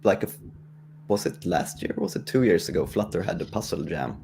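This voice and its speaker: A Swedish man appears as a guest developer on a panel, chatting casually while promoting a game jam, with a Swedish accent. His low voice is animated and somewhat mellow, with vocal fry, at a moderate pace. Faint background noise is present.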